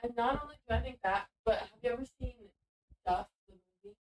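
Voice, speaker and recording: A woman guest on a podcast in casual chat, soft-spoken and self-deprecating. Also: fairly high pitch, fast talker, low-quality recording.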